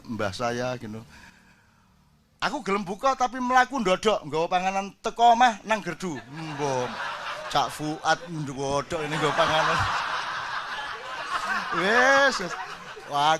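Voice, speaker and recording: A man's voice: fairly high pitch, normal speed, background noise. An older man, telling jokey stories in a casual sermon to a gathering. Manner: jokey storytelling, switches into Javanese. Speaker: preacher.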